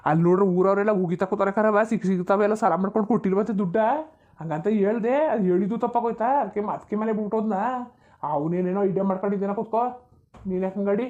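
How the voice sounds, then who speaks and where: A woman's voice: mid-range voice, steady tone, fast talker, warm tone, dull audio, lightly acted. A woman voicing a grumbling old village grandfather who drinks, in a cartoon, bickering defensively. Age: older.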